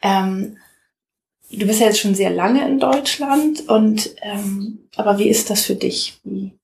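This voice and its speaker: A woman's voice: medium pitch, takes it slowly, gravelly, a little mellow, slight background noise, rough recording. A woman hosting a podcast, asking short prompting questions in a casual interview. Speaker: podcast host.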